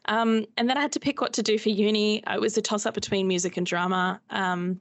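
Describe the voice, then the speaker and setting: A woman's voice: mid-range voice, fairly even intonation, fairly quick. An Australian woman speaking as an interview guest in a casual, informal, self-deprecating way. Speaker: interview guest, theatre maker.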